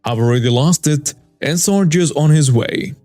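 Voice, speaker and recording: A man narrating a reader-submitted story in a steady, matter-of-fact way. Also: on the high side, moderate pace, no room sound, soft background music.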